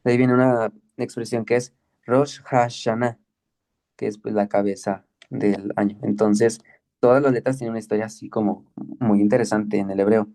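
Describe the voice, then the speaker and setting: A man teaching the Greek alphabet in an online class, patient and slow, often checking with "¿ok?". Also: fairly low pitch, fairly even intonation, vocal fry, warm tone. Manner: patient, explains slowly with many checks like "¿ok?" and "¿sí?".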